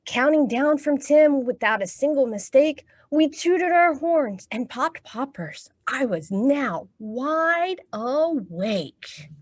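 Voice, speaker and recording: A high-pitched, expressive American woman reads slowly to young children in a dry recording, hosting a storytime with action songs. She encourages them warmly, asking questions and offering praise.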